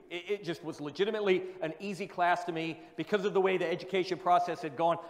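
A man with a notably high voice delivers a sermon from the pulpit of a church. He drives his points home with rhetorical questions and repeats key lines for emphasis. His words ring out with the long reverb of a big hall. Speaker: pastor.

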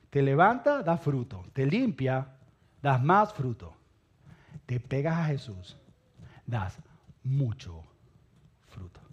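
Husky-voiced, this preacher delivers his sermon with emphasis, circling back on repeated phrases. Each line trails off low and quiet.

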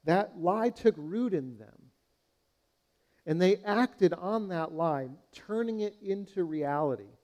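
A male pastor delivers a sermon in an earnest, questioning manner. His voice sits slightly high for a man yet sounds mellow and warm. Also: lively intonation, slow. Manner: earnest, questioning, speaks to the congregation as friends.

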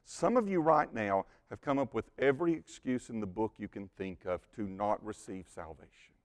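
A pastor with a fairly low voice preaches at a normal speed, telling stories with animated delivery. He often repeats words as a phrase begins and shifts to a hushed, intense tone for emphasis.

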